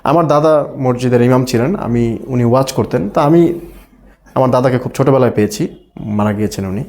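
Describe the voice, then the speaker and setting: A man's voice: medium pitch, a little fast, darkish tone. A middle-aged man from Bangladesh, an ESL teacher lecturing a class, often asking the students questions and acting out tones of voice.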